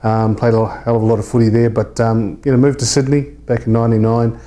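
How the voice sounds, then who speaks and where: A New Zealand man in his thirties speaks fast and informally in an interview. His voice is dark, very relaxed, and of average male pitch. He sounds colloquial and a little hesitant, like an estate agent having a casual chat.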